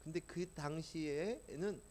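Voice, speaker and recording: A pastor preaches a sermon, sharing his personal testimony in an earnest storytelling manner that builds in emphasis. His voice is on the high side and a little mellow, with a slow pace and a little hiss or hum.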